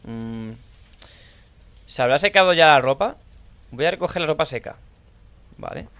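A young man with a Spanish accent from Spain, playing a horror game and thinking aloud in low mutters, now and then shouting out. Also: expressive, normal speed. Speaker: gaming streamer. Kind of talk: horror let's play commentary.

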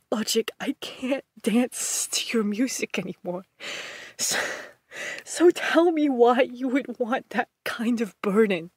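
Brief: a bitter, curt scientist, slow-spoken, in a dry audio drama. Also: female voice, on the high side, expressive, breathy edge, dry recording, exaggerated voice. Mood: despairing. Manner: curt, bitter, self-doubting. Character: Sam, a brooding injured scientist.

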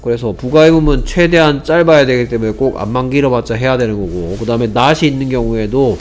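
Male English teacher, patient explainer, drills example sentences slowly and checks understanding often. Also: medium pitch, a little hiss or hum. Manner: asks rhetorical check questions, repeats example sentences slowly. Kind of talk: grammar lesson.

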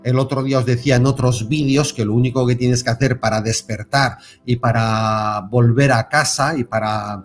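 Animated Spanish man over soft music. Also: medium pitch, normal speed, hardly any pauses. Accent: Spain Spanish. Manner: animated, repeats words and stresses with tag questions. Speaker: self-help video host. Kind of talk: motivational spiritual talk to camera.

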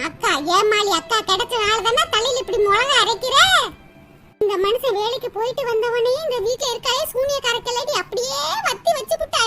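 A woman voicing a sharp-tongued married older sister in a cartoon, scolding and mocking in a long rant. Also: extremely high pitch. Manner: scolding, mocking, rapid ranting. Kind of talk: cartoon voice acting.

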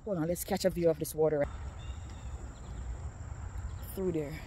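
A woman's voice: deep voice, steady tone, unhurried, mellow, a little hiss or hum. A woman from Jamaica, chatting casually to viewers on a phone while walking outdoors, a little out of breath. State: slightly out of breath. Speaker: vlogger. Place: outdoors on a neighborhood street.

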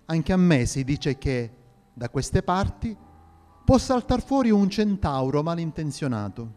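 Slow theatrical male narrator. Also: a little high, sing-song, a little mellow. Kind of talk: scripted narration. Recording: reverberant hall with faint music.

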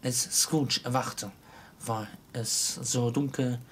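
A man reading a classic story aloud in an even, measured manner. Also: mid-range voice, a little hiss or hum. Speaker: audiobook reader.

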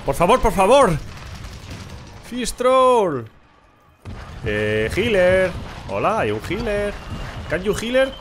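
A young man giving excited, shouty live commentary over his own gameplay, swearing and laughing at himself. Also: high voice, slow, pauses often, slight background noise. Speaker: gameplay streamer.

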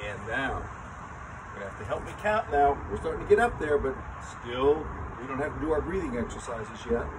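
An older man with grandchildren leading a lively children's sermon outdoors, talking straight to the kids as he tells a story. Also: mid-range voice, normal speed. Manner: animated storytelling, talks to children. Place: outdoor covered chapel area. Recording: distant mic with traffic noise outdoors.

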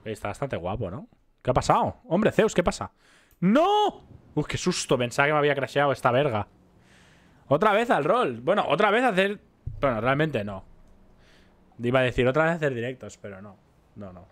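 Lively young Spanish streamer. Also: male voice, medium pitch, fairly quick. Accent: Spain. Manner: rambling, self-mocking, chatty with viewers. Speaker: roleplay streamer. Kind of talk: casual gameplay commentary.

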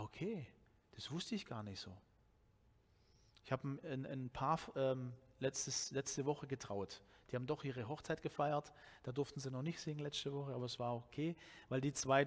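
A man from Swabia in his forties, a pastor, gives a sermon in a church hall using a headset mic, speaking with a Swabian German accent. He keeps it loose and animated, often starting sentences over and leaning on fillers, in a mid-range voice.

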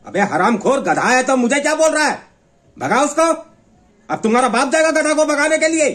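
A man with a Bundeli accent playing a hot-tempered village father who shouts and scolds his son in a comedy sketch. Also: very high-pitched, lively intonation, a little fast. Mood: scolding.

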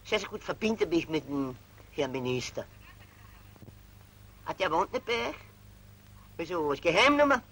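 An actor playing a flustered minor civil servant, who stammers and bows and scrapes in 1940s film style. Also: male voice, on the high side, normal speed, long pauses, heavily acted, poor audio. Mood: deferential. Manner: stammering, deferential, excitable. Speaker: stammering petty official.

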